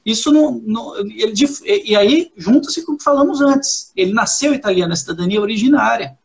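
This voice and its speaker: A Brazilian man with a notably high voice hosts the talk and drives home each point with insistent emphasis. He explains things firmly and conversationally. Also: fairly quick, gravelly, a little mellow. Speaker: host.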